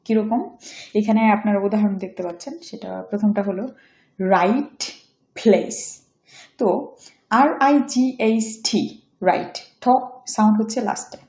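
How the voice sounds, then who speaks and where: A woman giving an online pronunciation lesson, explaining rules and repeating each example phrase slowly several times. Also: medium pitch, darkish tone, echoey room. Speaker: English pronunciation teacher.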